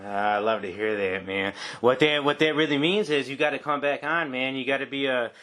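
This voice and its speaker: A man of forty hosts a casual podcast interview, talking loosely and effusively. He keeps adding "man" to his lines and sounds like a relaxed regular guy. His voice sits at an ordinary middle pitch. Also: moderate pace. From Detroit area, United States. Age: 40s. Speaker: podcast host.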